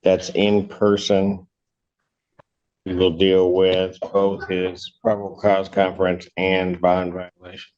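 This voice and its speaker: A man serving as judge speaks in a very low, deep voice and hands down brisk, matter-of-fact rulings. The sound comes from a muffled, lo-fi courtroom audio recording. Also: monotone, darkish tone. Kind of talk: presiding over court hearings.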